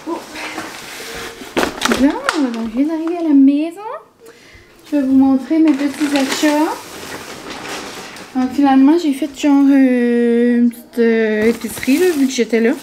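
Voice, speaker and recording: A woman's voice: sits high, fairly even intonation, measured pace, long pauses, dark tone, a little hiss or hum. A young woman with a Québécois accent, chatting casually to camera, rambling with lots of filler words. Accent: Québécois French. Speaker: vlogger. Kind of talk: casual vlog chat. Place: café, then home.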